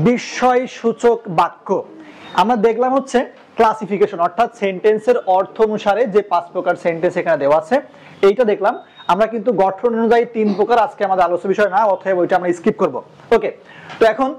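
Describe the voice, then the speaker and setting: Young Bangladeshi male teacher, high voice, quizzing the class. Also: a little mellow. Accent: Bangladeshi Bengali. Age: young adult. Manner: asks the class questions, repeats answers. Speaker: coaching center teacher. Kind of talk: classroom lecture.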